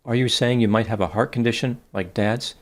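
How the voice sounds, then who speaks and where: A man reading out the messages of a flirty female AI chatbot, slowly and plainly. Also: medium pitch, natural voice. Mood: gushing.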